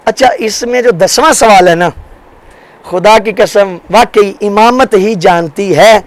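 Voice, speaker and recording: This high-sitting male voice belongs to a majlis preacher giving a fervent religious sermon at a mourning gathering. He piles up rhetorical questions and oaths, alternating between loud surges and quiet drops, and the audio is poor.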